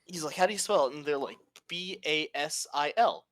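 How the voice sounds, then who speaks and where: A man chats loosely on a podcast, swearing freely as he tells workplace stories. His voice sits a touch high. The sound is dry and close. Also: brisk, no room sound. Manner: profane, animated storytelling. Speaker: podcast co-host. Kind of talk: casual chat.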